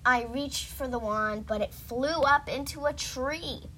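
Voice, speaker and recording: A woman reading a children's storybook aloud in a gentle, expressive way. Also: high-pitched, unhurried, slight background noise, low-quality recording. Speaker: storybook reader.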